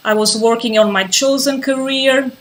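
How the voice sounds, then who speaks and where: Speaking at a moderate pace in a high voice, a woman from the Azores, Portugal, starts her live-streamed yoga and mindfulness class. There's slight background noise as she calmly and patiently repeats herself, waiting for viewers.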